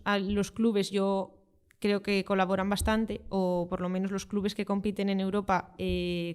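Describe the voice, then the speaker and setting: Smooth and clear at a middle pitch, the voice belongs to a young woman from Spain who translates for football and is being interviewed as a guest. She answers conversationally and explains her work in a relaxed way, pausing on fillers often as she thinks.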